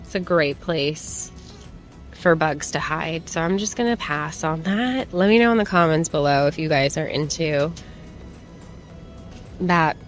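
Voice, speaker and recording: A woman's voice: sits low, measured pace, pauses often, soft background music. A woman chatting casually to viewers in a shopping haul vlog, informal and rambling as she browses and remarks on items. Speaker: plant shopping vlogger. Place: plant shop.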